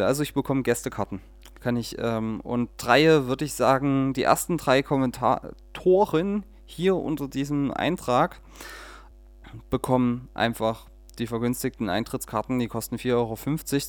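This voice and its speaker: A man's voice: medium pitch, no echo. A man hosting a podcast who talks casually with fillers, then reads a story aloud. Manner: relaxed, with fillers. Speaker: podcast host.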